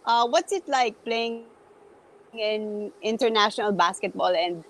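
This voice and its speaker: A woman co-hosting a sports talk show, asking lively questions and slipping Tagalog words into English. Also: medium pitch, measured pace, low-quality recording. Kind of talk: hosting an interview.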